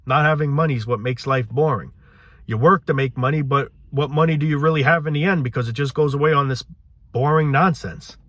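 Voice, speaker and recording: A man's voice: mid-range voice, brisk, a bit bright, no room sound. A man ranting casually and profanely to his viewers, frustrated and rambling. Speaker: vlogger.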